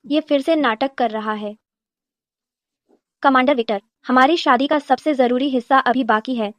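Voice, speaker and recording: A woman's voice: high voice, normal speed. A woman voicing a bold, bossy young commander's wife who teases and scolds in a dubbed drama. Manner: bold and sharp-tongued. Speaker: commander's wife in a 1970s army base drama.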